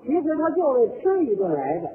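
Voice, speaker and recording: High-voiced man telling a comic routine, tinny. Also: huge pitch swings, fairly quick, a crowd in the background. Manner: storytelling, mimicking people laughing and wailing. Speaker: lead comedian. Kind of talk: crosstalk comedy. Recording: tinny old phone-like recording.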